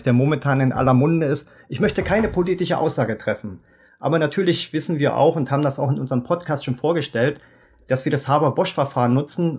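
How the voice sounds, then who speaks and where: A man in his fifties, a fertilizer sales expert, explaining market history in measured detail in a podcast interview. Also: mid-range voice, a little mellow, breathy edge. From Germany. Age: 50s.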